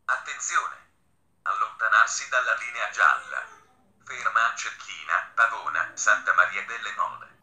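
A man with a standard Italian accent reads a flat, formal railway station announcement. His voice is fairly low yet extremely bright and crisp-edged, with measured, impersonal phrasing. The sound is clearly roomy and echoing, like a public-address system. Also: a little hiss or hum. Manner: impersonal, measured, segmented phrasing of set messages.

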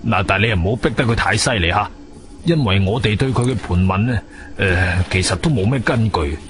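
An actor with a Guangzhou Cantonese accent playing a weary, sceptical police colonel in a radio drama, speaking in a hesitant, official manner. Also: male voice, lowish voice, animated, fairly quick, lightly acted. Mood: cautious. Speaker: supporting actor. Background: music.

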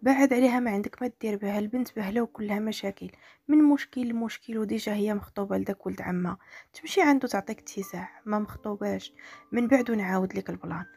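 Woman putting on a young Moroccan man, angry friend, scolding, loud, insistent, fast. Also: mid-range voice, vocal fry, husky, no room sound, soft background music.

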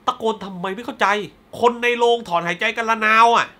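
A male film reviewer with a bright, forward voice talks through a film in a loose, spoiler-heavy way. He is blunt and fired up and swears freely before apologizing. He slips into quick acted-out lines of dialogue while he recaps scenes. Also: high-pitched. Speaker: movie reviewer.

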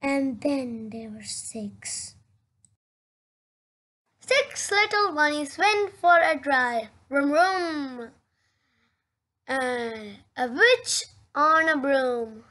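A storyteller with a very high, bright young voice reads a picture book aloud very slowly and with lots of life. Sound words get exclaimed dramatically.

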